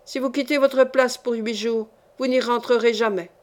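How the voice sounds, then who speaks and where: A woman's voice: a little high, fairly even intonation, normal speed, lightly acted. A woman reading as a blustering old marquis. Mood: imperious. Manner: blustering, imperious. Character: irascible stubborn old male marquis.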